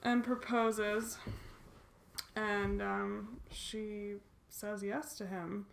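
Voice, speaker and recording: A woman's voice: mid-range voice, fairly even intonation, extremely slow, creaky, a little hiss or hum. Chatty laughing woman, echoey room. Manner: chatty, laughing, swearing casually. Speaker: podcast co-host. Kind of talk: casual chat recapping a film.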